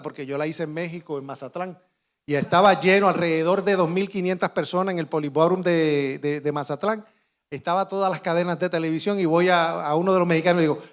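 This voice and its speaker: A middle-aged man from Rico, speaking on a conference panel and telling a dramatic first-person story with animated delivery and acted-out dialogue. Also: sits high. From Puerto Rico. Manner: vivid and animated, shouting out sound effects and acting out dialogue.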